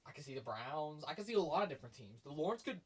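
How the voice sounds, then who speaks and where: Here a man with a husky, fairly high voice speaks very fast while co-hosting a sports podcast. His casual chat turns energetic and emphatic, and he gets loud and hyped pushing his arguments.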